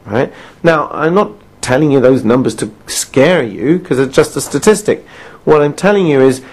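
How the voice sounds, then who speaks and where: A man teaching a stop-smoking lesson, talking to the listener in an emphatic, conversational way and often checking in with quick questions. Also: mid-range voice, animated, darkish tone, husky. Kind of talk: self-help audio lesson.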